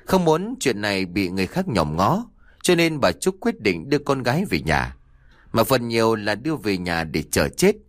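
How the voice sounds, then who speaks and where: Male audiobook narrator, expressive horror storytelling, dry booth sound. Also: mid-range voice, no room sound. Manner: lively, expressive reading with voiced dialogue.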